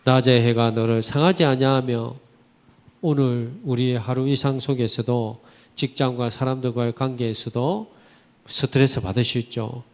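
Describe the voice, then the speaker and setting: A man's voice: medium pitch, moderate pace. A man preaching a Sunday sermon, asking his congregation rhetorical questions and using vivid everyday expressions. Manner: animated, vivid colloquial storytelling. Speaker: pastor. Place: church sanctuary. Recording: church hall reverb.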